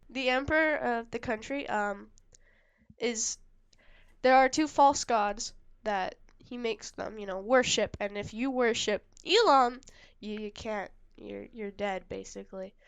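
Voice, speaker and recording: A woman's voice: a little high, smooth. A woman co-hosting a book-review podcast, talking casually in a hesitant, rambling way with many fillers and giggles. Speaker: podcast co-host.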